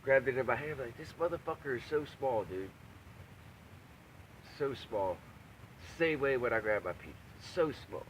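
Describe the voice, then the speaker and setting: A man's voice: mid-range voice, expressive, normal speed, pauses often, slight background noise, low-quality recording. A man talking casually and profanely like a video blogger, brash and crude, hammering points home by repeating himself. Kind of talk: profane, casual rambling rant to camera.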